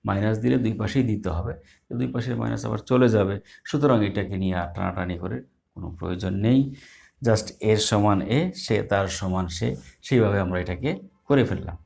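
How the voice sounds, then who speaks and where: Male math tutor, low gravelly voice, patient step-by-step explainer. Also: a little mellow. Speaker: math teacher. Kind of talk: live online math lesson.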